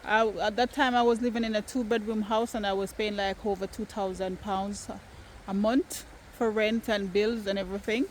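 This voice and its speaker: A Jamaican woman with a Jamaican accent chats casually in a family vlog shot outdoors in the countryside. Her voice is medium-pitched at a normal speed, with a little hiss or hum in the audio. She's animated and emphatic, arguing in a playful way.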